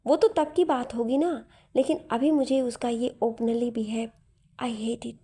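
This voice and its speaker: Storybook casting: a woman playing a shy, defensive young man, mellow tone. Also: a little high, fairly even intonation, measured pace, breathy edge. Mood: sulky. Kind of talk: storybook narration.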